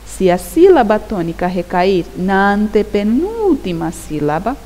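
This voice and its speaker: A woman teaching a primary school grammar lesson. She speaks slowly and deliberately, repeats key words and keeps checking that the pupils understand. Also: medium pitch, sing-song, warm tone. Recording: long reverb with faint hiss.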